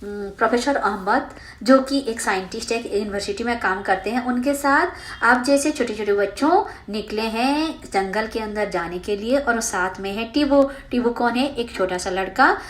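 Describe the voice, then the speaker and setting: A woman with a fairly high voice teaches a school science chapter from the textbook. She reads the English lines slowly and then explains them in Hindi with "um" and "uh" fillers. She often poses a question to the students and answers it herself.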